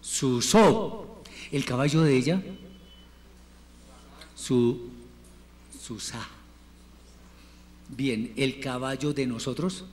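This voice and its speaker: A man teaching a Hebrew class, patiently drilling word forms and repeating them slowly for his students. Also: medium pitch, darkish tone. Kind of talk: classroom lesson. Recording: reverberant room with faint noise.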